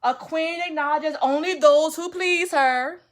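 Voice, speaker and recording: A woman voicing a proud, greedy young woman who scolds loudly and talks down to others. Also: high-pitched, unhurried, voice pushed up. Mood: proud chanting. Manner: haughty, loud scolding.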